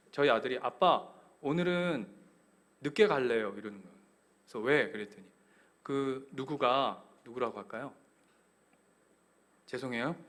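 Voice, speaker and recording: A male pastor preaching a sermon, telling a personal story with animated delivery and asking his congregation questions. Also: on the high side.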